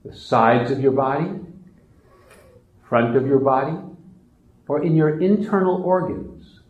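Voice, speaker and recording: A man leading a guided relaxation meditation in a slow, soft, soothing manner. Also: medium pitch, echoey room, narrow, tinny audio.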